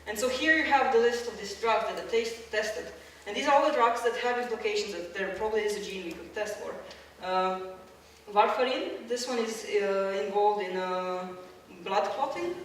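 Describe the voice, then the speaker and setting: A woman's voice: mid-range voice, normal speed, slight background noise. A woman from Croatia giving a public science lecture with slides. She explains step by step, with many fillers and restarts. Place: lecture hall. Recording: echoey hall, mic at a distance.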